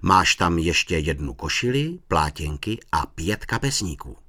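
A man voicing a patient but firm young mother in a storybook reading, speaking gently yet strictly. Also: low-pitched, very animated, no room sound, clean studio sound, exaggerated voice. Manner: gentle, then stern.

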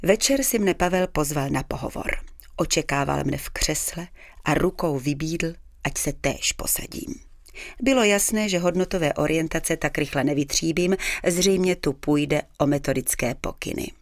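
Woman narrator, dry ironic audiobook reading, low pitch. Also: no echo. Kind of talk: first-person audiobook narration.

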